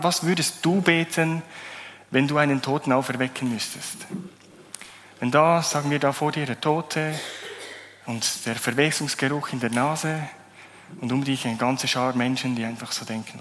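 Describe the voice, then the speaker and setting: A man's voice: medium pitch, a bit bright. A man in a medium register delivers a sermon, reading scripture aloud and then talking it through in an easy, conversational way. He stumbles and restarts now and then. His voice carries a long reverb from the hall he is in. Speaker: preacher.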